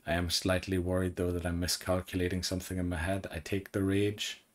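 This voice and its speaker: A man giving calm, analytical let's play commentary on his run, saying his voice is going. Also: fairly quick. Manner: calm, analytical and low-key. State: losing his voice. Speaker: gaming commentator.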